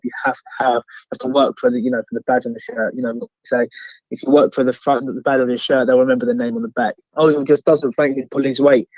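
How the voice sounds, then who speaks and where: A football fan with an Essex accent phones in as a caller, chatting casually and rambling, repeating phrases as he goes. His voice is medium-pitched, and the recording is dry, over a slightly dull, lo-fi call line.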